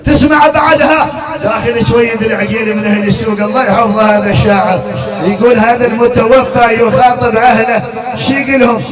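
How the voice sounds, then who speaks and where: A man's voice: very high-pitched, steady tone, fast talker, crowd noise. A man with an Iraqi accent, a eulogist at a mourning gathering, moving between sung wailing lament and spoken storytelling. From Iraq. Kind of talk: chanted lament and mourning sermon. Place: mourning hall. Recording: echoey room, distant mic, music behind.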